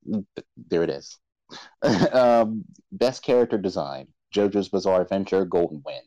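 A man's voice: low-pitched, measured pace, dark tone, no echo, dull audio. Stammering man moderating a casual chat. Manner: rambling, stammering restarts, laughs often. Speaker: podcast moderator. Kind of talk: casual chat about anime awards.

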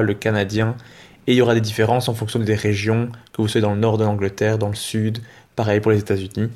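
A man co-hosting a language lesson, explaining in a brisk, plain-spoken way. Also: fairly low pitch, a little mellow. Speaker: language teacher.

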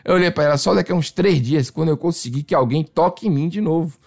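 A podcast guest from Salvador, Brazil, tells a story in casual chat, acting out voices and sound effects. His voice is fairly high and darkish in tone, with vocal fry, and he speaks at a quick pace.

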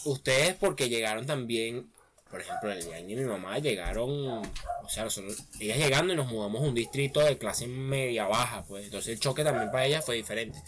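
A young Venezuelan man chatting casually on a podcast, telling lively stories and acting out his own past lines. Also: mid-range voice, brisk. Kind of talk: casual chat. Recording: noisy background.

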